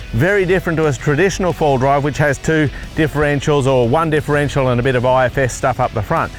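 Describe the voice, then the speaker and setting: A man with a broad Australian accent chatting and explaining casually, in a blokey, teasing way, as an off-road vlog presenter. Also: on the high side.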